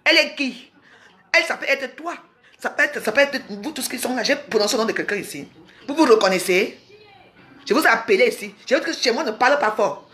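A woman's voice: on the high side, lively intonation, a little fast, a bit bright. A woman from Cameroon, ranting angrily on a home live stream, scolding and repeating herself. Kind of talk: angry live-stream rant. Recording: roomy echo.

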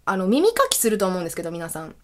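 A woman hosting a casual solo radio talk, telling stories in an animated way and laughing often. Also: on the low side, racing. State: recovering from illness. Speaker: podcast host.

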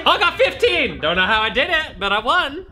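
Sassy drag queen man, lively swooping voice. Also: very high voice, a little fast. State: tipsy from drinking. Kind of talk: casual comedic chat while playing a game. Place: small indoor set with foil backdrop.

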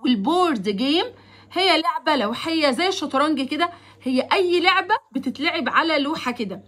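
Egyptian lady teaching kids english words, high voice, bright, draws words out slow then rattles on. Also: animated. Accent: Egyptian Arabic. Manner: slow, drawn-out English words, fast chatty explanations; repeats words for pupils to follow. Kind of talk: vocabulary lesson for children.

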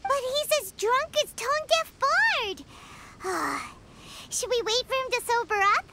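A woman's voice: extremely high pitch, expressive, unhurried, slight background noise, heavily acted. A woman voicing a tiny, chirpy childlike female fairy companion in a game cutscene. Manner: chirpy, exclamatory. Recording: game cutscene with loud music.

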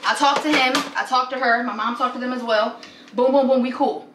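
A woman's voice: a little high, steady tone, fairly quick, a bit bright, slight background noise. A young woman chatting animatedly through a home vlog in her apartment, often laughing, filmed by a camera at a distance. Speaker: lifestyle vlogger. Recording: roomy echo, away from the mic.

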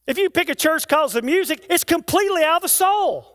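High-voiced male preacher. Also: animated, quick pace, fairly bright tone. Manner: rhythmic declamatory preaching with long lists; conversational asides to the congregation. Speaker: pastor. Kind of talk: sermon. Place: church sanctuary.

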